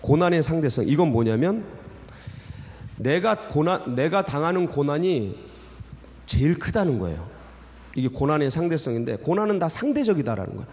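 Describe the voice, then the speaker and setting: A man's voice: a little high, darkish tone. A man preaching an early morning sermon in a church, talking in a loose, emotional way and often breaking off to restart his sentences. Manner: emotional, conversational preaching with many fillers and restarts. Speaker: pastor. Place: church sanctuary. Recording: church hall reverb.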